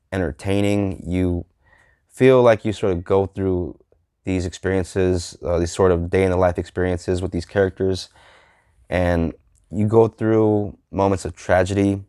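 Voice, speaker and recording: Thirties male vlogger, deep voice, loose and halting delivery, dry room. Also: dark tone, clean tone, no room sound. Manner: halting, heavy with fillers and restarts. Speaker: movie reviewer. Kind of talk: casual unscripted vlog.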